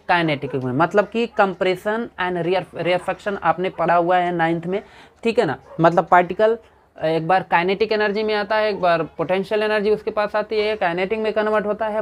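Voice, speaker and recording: A man with an Indian accent teaching physics in a revision lecture, asking questions and answering them himself and reading English definitions slowly. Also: high voice.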